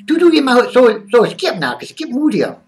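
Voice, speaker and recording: A brash, zany male character who brags about himself in the third person, put on by a man. His voice runs higher than the performer's own and swoops up and down with lively energy. He sounds a little distant from the mic. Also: fairly quick, faint music behind, full character voice. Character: zany boastful male wrestling-fan character.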